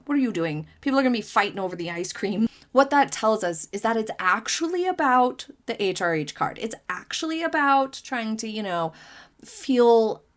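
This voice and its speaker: A woman's voice: fairly high pitch, big pitch swings, normal speed. A woman hosting a casual commentary vlog, reading out viewer comments and giving her opinions in a chatty way, with frequent hedges and fillers. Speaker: commentary channel host.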